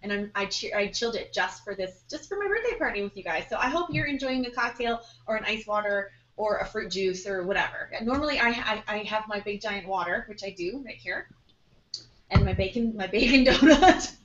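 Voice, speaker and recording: A woman co-hosting a live online happy hour, chatting in a bubbly, excitable way. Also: mid-range voice, brisk, a little hiss or hum. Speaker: co-host. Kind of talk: casual live webinar chat. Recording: echoey, distant, dull lo-fi audio.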